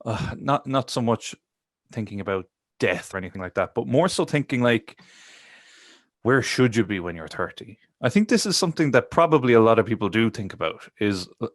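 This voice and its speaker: Guy around thirty, lowish voice, rambling podcast chat, super dry sound. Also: expressive, a little fast, dry recording. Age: 30s. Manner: rambling, reflective, many fillers and restarts. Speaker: podcast co-host. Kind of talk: casual chat.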